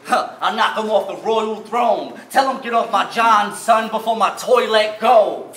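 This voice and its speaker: A man's voice: high-pitched, measured pace, fairly bright tone, slight background noise. A man from New York delivering a mocking battle rap verse full of punchy wordplay. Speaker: battle rapper. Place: barbershop event space. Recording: echoey room.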